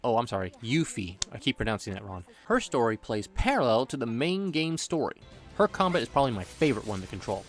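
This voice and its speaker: With a sing-song, medium-pitched voice and a fast pace, a man delivers a scripted video game review full of playful jokes. Background music runs beneath his narration.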